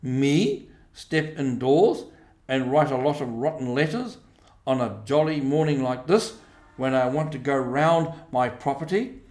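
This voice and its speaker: Man playing vain, self-important storybook Toad, roomy sound. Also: a little high. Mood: indignant dismay. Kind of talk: storybook character reading.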